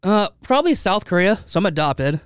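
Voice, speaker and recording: Chatty podcast host, smooth dry voice. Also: male voice, sits high, big pitch swings, a little fast, no echo. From United States. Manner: rambling, with many restarts and fillers. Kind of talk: casual chat. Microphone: studio microphone.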